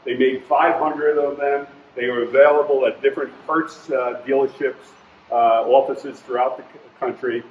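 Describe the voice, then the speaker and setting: An older man chatting as a guest about his cars, telling stories with animated energy. He sounds like he is in a roomy space, and the sound is a little dull, with faint background hum. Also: medium pitch, moderate pace. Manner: animated anecdote teller, acts out quoted voices. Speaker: car collector guest. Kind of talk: casual storytelling interview.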